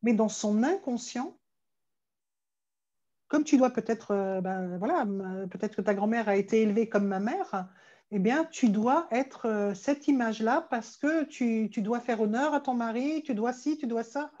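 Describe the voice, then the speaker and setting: A woman's voice: a little high, a little slow, mellow, lo-fi sound. A woman therapist talking frankly and animatedly in a conversation, often repeating her first words. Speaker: therapist and stress coach, guest. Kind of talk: conversational interview talk.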